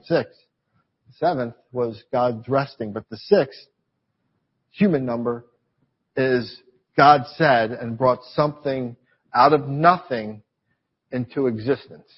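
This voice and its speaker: A man pastor preaching a sermon in a church, animated, repeating phrases and asking rhetorical questions. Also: mid-range voice, slightly rough, dull audio.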